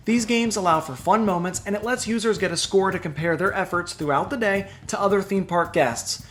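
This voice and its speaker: Male narrator, high-pitched voice, scripted online video voice-over, clearly presentational and enunciated. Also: a little hiss or hum. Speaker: theme park news video narrator.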